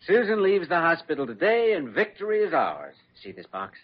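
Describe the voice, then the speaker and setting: A younger male doctor in a vintage radio play, cautious and wryly scheming. His husky voice moves expressively up and down on a dull old recording. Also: a little high, wildly swooping pitch, full character voice. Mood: pleased, conspiratorial. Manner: placating, wry, measured. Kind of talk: old-time American radio drama acting.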